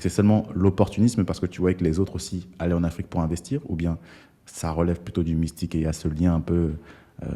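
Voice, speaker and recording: A young man with a low, dark, mellow voice hosts a relaxed interview. He talks in a casual, searching way, often pausing on fillers and repeating words as he builds his questions. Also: husky. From Togo. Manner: hesitant, many fillers and restarts. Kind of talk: conversational interview.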